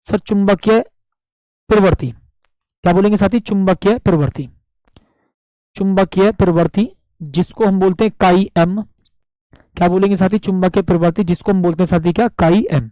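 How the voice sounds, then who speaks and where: A man teaching a live online physics class with a sore throat, speaking slowly and drilling students with repeated questions and answers. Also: high-pitched, warm tone, dry recording, poor audio. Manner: asks viewers to comment answers.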